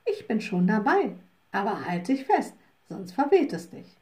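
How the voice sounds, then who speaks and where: A woman voicing a young, cheerful and bold little witch in a storybook, lively and confident. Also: medium pitch, unhurried. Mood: playful.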